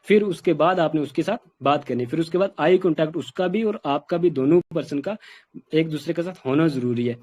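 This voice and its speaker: A man's voice: a little high, a little fast, a little mellow. A man giving an informal spoken lesson on communication skills, talking conversationally with many fillers. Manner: conversational, repeats "ठीक" often, many fillers.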